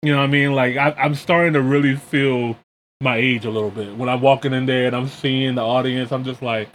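A man's voice: mid-range voice, steady tone, fairly quick, a bit bright. An American man hosting a podcast, chatting casually in a colloquial, slangy way. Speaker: podcast and reaction video host. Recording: clear background noise.

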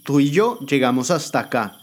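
A man's voice: medium pitch, very animated, moderate pace, lightly acted. A man voicing a cruel, ruthless woman politician who taunts and threatens, in a dramatic spoken story. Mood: scornful. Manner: taunting, contemptuous.

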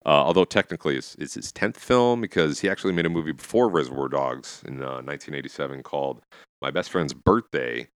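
A man's voice: very deep voice, brisk, no room sound. A man hosting a podcast, chatting casually about film in a rambling, conversational way. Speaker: podcast host.

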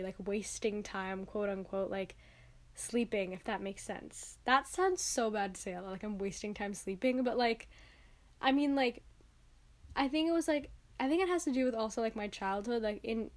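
A woman's voice: mid-range voice, normal speed. A young woman hosting a casual solo podcast, sounding tired and stuffy-nosed, talking in an informal, rambling and emphatic way. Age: young adult. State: tired, congested. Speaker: podcast host.

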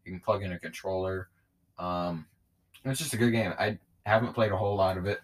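A man with a somewhat low voice co-hosts a laid-back chat show. He rambles from one thought to the next and cracks jokes in gamer slang, keeping things loose. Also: a little fast. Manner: rambling, jokey gamer banter. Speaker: podcast co-host. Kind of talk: casual chat.

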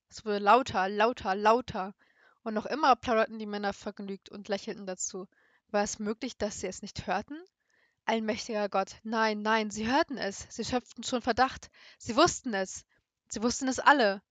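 A woman's voice: medium pitch, fairly bright tone, no room sound. A young woman who reads a story aloud with building intensity and chats casually about it. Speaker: story reader. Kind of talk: dramatic story reading and casual chat.

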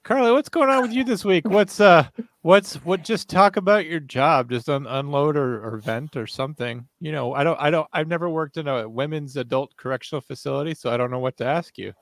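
A man's voice: on the high side, a little fast, no echo. A man in his thirties hosting a casual podcast, rambling and teasing his guests with jokey questions. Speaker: podcast host.

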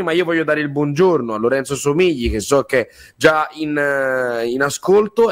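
A male radio host presents sports in a conversational style, with a medium-pitched voice. He speaks haltingly and corrects himself, close to the microphone in a dry studio sound. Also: dry recording.

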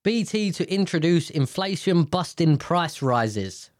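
A man's voice: on the high side, sing-song, measured pace, no echo, studio quality. Nasal, congested British man, talking casually. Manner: blunt, sweary, informal. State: blocked nose from sinus infection. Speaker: host. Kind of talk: casual rambling commentary, reading news aloud.

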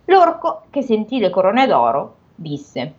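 A woman's voice: mid-range voice, animated, normal speed, lo-fi sound. A woman co-hosting a podcast, reading a fairy tale aloud and chatting about it playfully, sometimes tripping over words. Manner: playful, stumbles and chuckles over the text. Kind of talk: reading aloud with casual chat.

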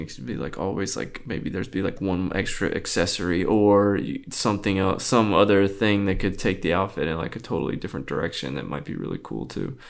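A young man with a low, gravelly voice talks as a guest on a podcast. He rambles and halts, trailing off and restarting his thoughts as he describes his creative work. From Boston area. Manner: rambling, halting, many fillers and restarts. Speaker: artist guest. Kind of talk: casual interview chat.

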